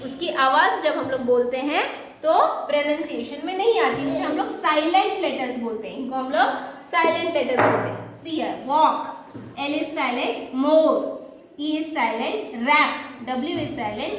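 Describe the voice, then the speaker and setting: A woman teacher, speaking in a very high voice and stretching each phrase out slowly. She has the class repeat words after her. The room rings with heavy echo, and faint hiss runs under it. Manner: slow, drawn-out English lines, brisk Hindi explanations. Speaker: school teacher. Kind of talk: online English lesson in Hindi and English.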